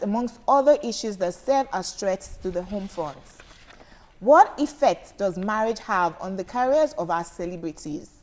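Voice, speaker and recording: A woman's voice: on the high side, darkish tone. Upbeat woman hosting a talk show. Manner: upbeat, reads call-in details.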